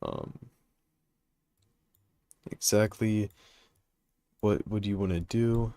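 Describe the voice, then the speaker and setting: A man's voice: lowish voice, very slow, vocal fry, mellow, dry recording. A young man hosting a gaming livestream, thinking aloud with many ums and uhs, sleepy and yawning as he plans routes and answers chat. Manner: hesitant, thinking aloud with many fillers, reads chat questions. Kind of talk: casual live commentary while playing.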